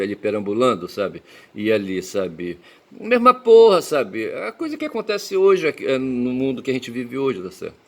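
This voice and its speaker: A man from Belém, rambling through a personal monologue, cursing often and tagging nearly every phrase with a question. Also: lowish voice. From Belém, Pará, Brazil. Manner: peppers speech with tag questions; profane, emphatic outbursts. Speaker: commentator.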